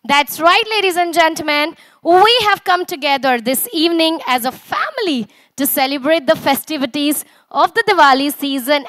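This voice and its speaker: A young woman with an Indian accent and a high-pitched voice emcees a corporate event on a large auditorium stage, using handheld and podium microphones. Her delivery is energetic, projected, and rousing, and the recording is dry.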